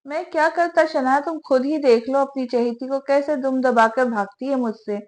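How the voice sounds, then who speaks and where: A woman's voice: high-pitched, a little mellow, close to an everyday voice. A woman voicing a sulky young man in a novel reading, speaking with irritated sarcasm.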